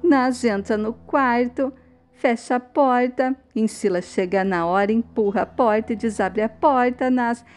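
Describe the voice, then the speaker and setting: A woman's voice: a little high, fairly even intonation, unhurried. A woman casually recapping a soap opera, telling in turn who says what. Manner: plain storytelling, repeating who says what.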